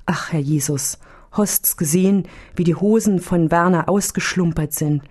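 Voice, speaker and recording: A woman's voice: fairly low pitch, measured pace, a little mellow, slightly rough. Woman voicing fussy old nun-nurse. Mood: fretting prayer. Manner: fussy, sighing, praying aloud. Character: kindly pious old nun-nurse, childlike cheer.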